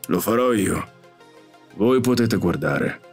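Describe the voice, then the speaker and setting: A man's voice: fairly low pitch, animated, takes it slowly, husky, faint music behind, full character voice. A man voicing a stern spaceship captain in an audiobook, giving short commands. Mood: commanding. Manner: curt, commanding.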